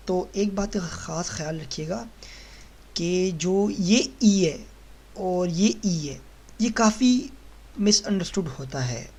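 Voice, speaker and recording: A man teaching German pronunciation in a slow lesson. He patiently explains each letter and says every sound several times while writing on a board. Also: high voice, a little mellow. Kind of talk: slow lesson walking through the alphabet.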